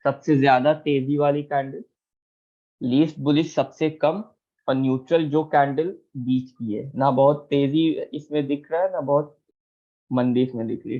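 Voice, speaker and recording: A man teaching a chart lesson, patient, repeating key terms and asking if anyone is confused. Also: a little high. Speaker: trading teacher. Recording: tinny phone-like audio.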